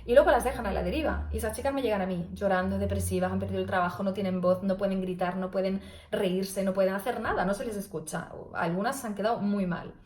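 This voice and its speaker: Earnest speech therapist, roomy sound. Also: female voice, fast talker, a little mellow. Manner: earnest, cautionary, demonstrates pitch with her voice. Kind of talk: explanatory video blog. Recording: roomy echo.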